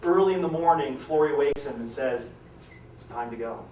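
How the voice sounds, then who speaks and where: With a darkish tone and normal speed, a man recounts history for a live audience, acting out characters' words in dramatic vocal swings that rise in pitch and volume. There's a little hiss or hum, plus faint ambience from an echoey room and a distant mic.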